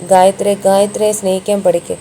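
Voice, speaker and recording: A woman's voice: medium pitch, flat delivery, fast, dark tone, slight background noise, natural voice. A woman reading the part of a blunt male friend who lectures and scolds in a firm tone. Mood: lecturing.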